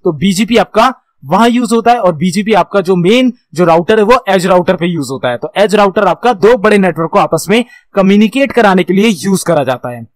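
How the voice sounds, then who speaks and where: An instructor in computer networking gives an explanatory tutorial in an Indian accent, teacherly in tone as he poses questions and answers them himself, switching between Hindi and English terms. His high voice is expressive and fairly quick, with no room sound.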